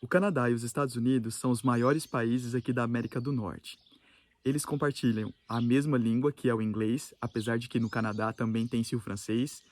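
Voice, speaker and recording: A young Brazilian man with a Brazilian Portuguese accent, casually explaining word differences in a vlog, mixing in English examples. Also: medium pitch. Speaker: YouTuber.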